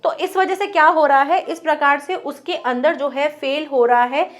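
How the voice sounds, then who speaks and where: A woman teacher explaining a poem line by line, reading the English lines slowly and patiently. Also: sits high, steady tone. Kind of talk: Hindi poem explanation lesson.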